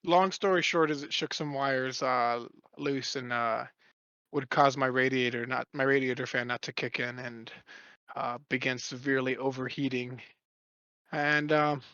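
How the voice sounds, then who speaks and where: A man's voice: medium pitch, fairly even intonation, measured pace, bright, forceful tone, clear, resonant tone, no room sound, muffled recording. A young man casually co-hosting a podcast, telling a rambling story full of swearing. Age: young adult. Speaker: podcast co-host.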